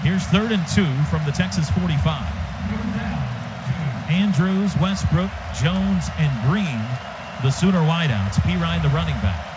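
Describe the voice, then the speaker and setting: The dull, noisy live radio broadcast carries a fairly high-pitched American man with lively intonation. Unhurried, he calls the football game play by play in clipped phrases from a stadium booth.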